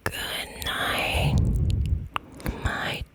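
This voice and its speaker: A woman whispering a breathy, affectionate ASMR ramble intimately, close to the mic, ear to ear. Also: very slow. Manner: affectionate, intimate addressing of listeners. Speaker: ASMR video host. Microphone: close ear-to-ear ASMR microphone.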